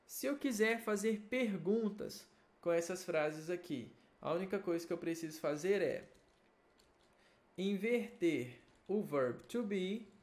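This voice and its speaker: Young male English teacher with a Brazilian accent, slightly high and unhurried, recorded at a home computer mic. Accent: Brazilian Portuguese. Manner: slow, patient explaining with frequent check-ins. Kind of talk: recorded video lesson.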